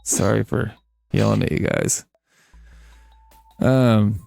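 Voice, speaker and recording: A man's voice: on the low side, fairly even intonation, slow, gravelly, darkish tone, soft background music. A man rambling casually while playing a game, swearing freely and making fun of himself. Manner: rambling, swears a lot, self-deprecating. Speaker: let's play gamer.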